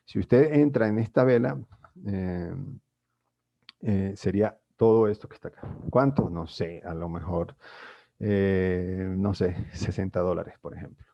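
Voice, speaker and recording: A man's voice: low voice, steady tone, unhurried, gravelly, warm tone, muffled recording. A man explaining chart trading in a screen-share tutorial, talking formally to viewers with many fillers and restarts. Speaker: trading instructor.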